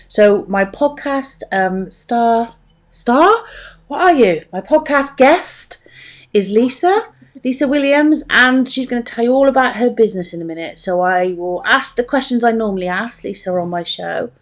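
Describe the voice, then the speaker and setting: A woman's voice: on the high side, lively intonation, moderate pace. A woman hosting a casual podcast interview, talking informally and breaking into her own sentences as she rambles. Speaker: podcast host.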